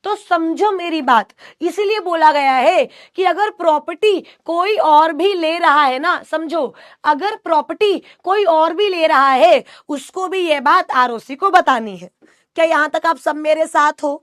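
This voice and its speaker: A woman's voice: very high-pitched, a little slow, dry recording, studio quality. A woman teaching an online exam coaching class, reading students' chat questions aloud and answering with playful teasing.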